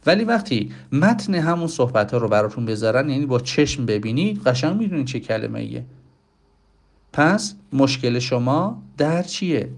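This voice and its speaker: A man's voice: medium pitch, very animated. Language teacher, male, Persian speaker, chatty explainer who asks questions and answers them himself. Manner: explanatory, talks directly to listeners with rhetorical questions. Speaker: English pronunciation teacher. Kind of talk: casual spoken lesson.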